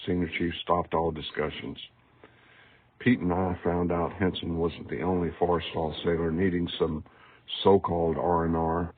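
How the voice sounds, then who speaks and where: A man reads from his own book like an audiobook narrator, his low-pitched voice flat and measured with a breathy edge. The recording is tinny and narrow, similar to a phone call.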